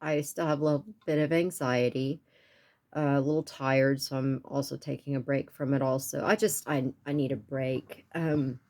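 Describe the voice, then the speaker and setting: A woman talking to her viewers in a personal vlog, earnest and soft-spoken, with stuffy sinuses and a tearful edge, pausing and restarting often. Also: rumbling low, steady tone. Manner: halting, with many pauses and restarts. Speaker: YouTube art channel creator.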